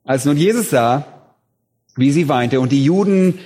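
A man's voice: a little high, animated, measured pace, warm tone, slightly rough. A man preaching a sermon in an emphatic way, rising on key words. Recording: reverberant hall.

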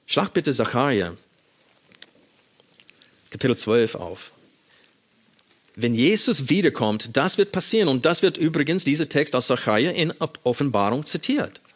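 A man's voice: mid-range voice, sing-song, normal speed, long pauses. Man preaching, reading scripture aloud. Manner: reads scripture verses aloud and explains them; questions and addresses the listener directly. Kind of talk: Bible-teaching sermon.

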